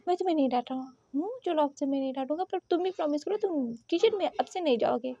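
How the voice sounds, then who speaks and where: A stern, possessive president who snaps out short commands, as a woman plays him. The voice stays very high with a warm, mellow tone. The sound is dry and close. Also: expressive, fast talker, no echo, muffled recording. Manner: curt, commanding, scolding.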